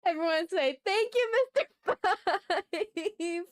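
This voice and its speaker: A woman with a very high voice takes her time as she talks. Hosting a casual art livestream, she thinks out loud while drawing and chats with viewers in informal, gushing slang.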